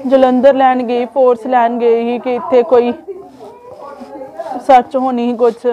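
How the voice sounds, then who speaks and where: A woman's voice: a little high, level tone, a little slow, muffled recording. A woman with a Punjabi accent, crying as she speaks and lamenting dramatically in repeated wails, interviewed as a grieving widow. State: crying, wailing with grief. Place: indoors in a room at home.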